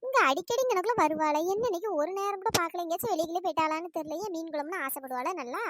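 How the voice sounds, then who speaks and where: A squeaky fussy village auntie. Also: rapid-fire, a bit bright, slight background noise. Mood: fretting. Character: fussy older village woman, fond cook. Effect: pitched-up cartoon voice.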